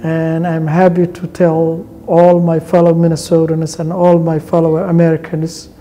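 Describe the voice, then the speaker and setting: A man delivers a composed, formal statement in a very dark, mellow voice. His pitch stays flat and steady throughout. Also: moderate pace, soft background music. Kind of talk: interview testimonial.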